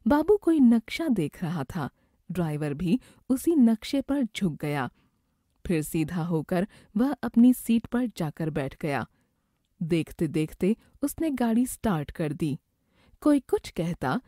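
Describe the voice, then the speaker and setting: A woman reading a first-person moral story aloud in an even, scripted narration. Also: mid-range voice, takes it slowly, no echo, clean studio sound.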